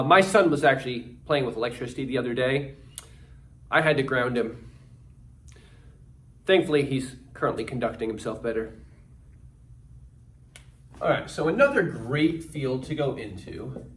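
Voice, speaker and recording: Man teaching with deadpan dad jokes. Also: mid-range voice. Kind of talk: mock classroom lesson with puns.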